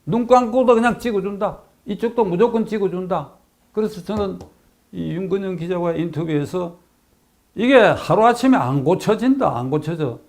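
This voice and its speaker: An older man delivers a political commentary in a fairly high voice. He is emphatic, repeating key phrases for stress and asking rhetorical questions as he goes. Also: moderate pace, vocal fry, a little mellow.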